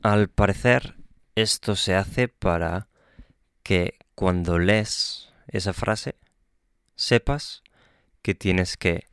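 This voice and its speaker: A man hosting a podcast lesson, explaining patiently and calmly with small self-corrections. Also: sits low, smooth, dry recording, clean studio sound. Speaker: Spanish teacher and podcast host. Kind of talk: slow, clear podcast lesson for learners.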